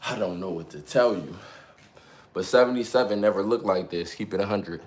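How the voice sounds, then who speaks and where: Upbeat young man with a low voice. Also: a little fast. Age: 20s. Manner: upbeat, hyped, slangy and motivational. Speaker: livestreamer. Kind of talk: casual live-stream chat. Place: at home during a workout.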